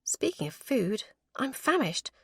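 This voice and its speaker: A woman voicing a spirited young newlywed gentlewoman, playful and arch in her teasing. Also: fairly high pitch, big pitch swings, slightly rough, no echo, studio quality, voice pushed up, full character voice. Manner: playful, arch, quick to tease.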